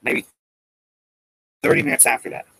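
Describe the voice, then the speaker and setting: A man's voice: moderate pace, bright, forceful tone, no echo, low-quality recording. A man telling a story to his viewers in an agitated, defiant rant, swearing often.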